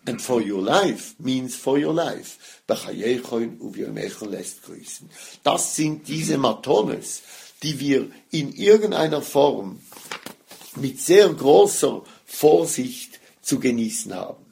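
Gravelly man giving a Torah lecture. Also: mid-range voice, expressive, slow pace, dark tone. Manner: explanatory, stresses Hebrew words, mixes Hebrew and Yiddish terms. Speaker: rabbi teaching Torah.

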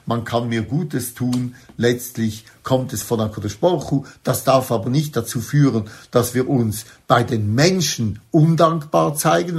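In a mid-range voice, a man delivers a religious lecture as a teacher would. He emphasizes key words by slowing down and repeating phrases.

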